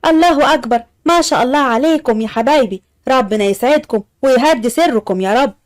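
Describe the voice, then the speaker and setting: A woman's voice: sits high, fast talker, lightly acted. A woman voicing a doting older mother with an Upper Egyptian accent who showers her sons with blessings.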